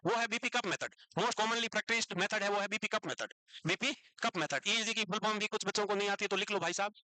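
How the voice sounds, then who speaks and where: A man teaching a psychiatry class in speech, dictating notes slowly and teasing students about writing them down. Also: high voice, sharp tone, no echo, low-quality recording.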